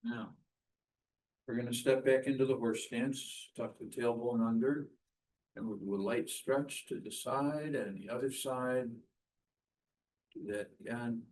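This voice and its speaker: A man instructing a qigong class, giving measured step-by-step movement cues in short, spaced phrases. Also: medium pitch, fairly even intonation, darkish tone, slight background noise, poor audio.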